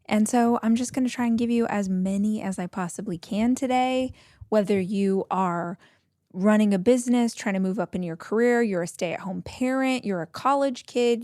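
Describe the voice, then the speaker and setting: A woman's voice: medium pitch, a little mellow, no echo, clean studio sound. Bubbly, chatty woman podcast host. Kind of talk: casual solo podcast talk.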